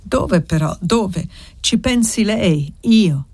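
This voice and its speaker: A woman reading the part of a gruff, weary older village priest in an audiobook, curt and grumbling. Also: medium pitch, animated, slow, darkish tone, full character voice. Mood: exasperated.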